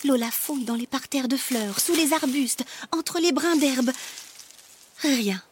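A woman reading a children's story aloud in a slow, expressive way, often dropping to a whisper. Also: high-pitched, noisy background.

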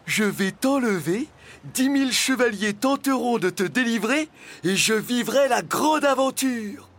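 A man's voice: very high voice, expressive, unhurried, fairly bright tone, voice pushed up, full character voice. A man voicing a bored, stubborn young male dragon who longs for adventure, in a storybook reading. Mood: excited. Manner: whiny, stubborn.

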